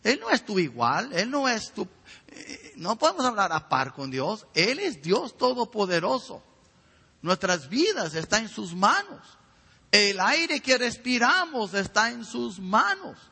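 A man's voice: high-pitched, sing-song, a little slow, gravelly, bright, forceful tone, slightly rough. A man preaching a sermon, building to emphatic rises and stretching key words for stress. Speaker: pastor. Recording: reverberant hall.

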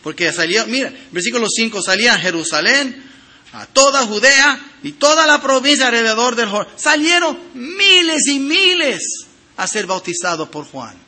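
High, bright, lively preaching man. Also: moderate pace. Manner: expressive preaching, reads scripture aloud, addresses congregation directly; emphatic swings in loudness and pitch. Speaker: pastor. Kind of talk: sermon.

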